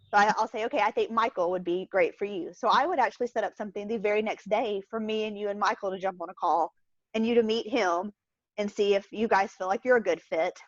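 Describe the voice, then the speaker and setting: A woman explaining her service on a video call in a brisk, confident, step-by-step way. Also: mid-range voice, steady tone, no room sound, dull audio. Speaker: guest, virtual assistant agency owner.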